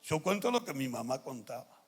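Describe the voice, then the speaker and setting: An older man preaching a testimony sermon in Argentine Spanish, telling stories that swing from hushed to shouting. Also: medium pitch, very animated, brisk. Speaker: pastor. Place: large church with music behind.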